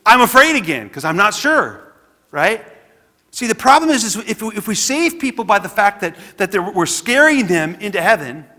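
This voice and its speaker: A man's voice: high voice, sharp tone, in a large hall. A man preaching a sermon as pastor in a church, talking earnestly and conversationally and often restarting his sentences. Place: church sanctuary.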